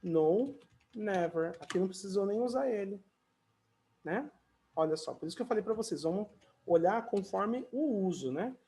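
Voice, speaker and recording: A man from Brazil teaching English in an online conversation class. He talks in a chatty way, fills his pauses with "né" and "ó", and sings or draws out his English example sentences. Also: high voice, animated, dark tone.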